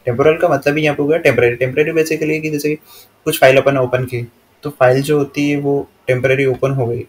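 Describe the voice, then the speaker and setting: An Indian man teaches from slides in a plain, even voice that hardly rises or falls. He reads each English line slowly, then explains it at a steady classroom pace. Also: mid-range voice, slight background noise.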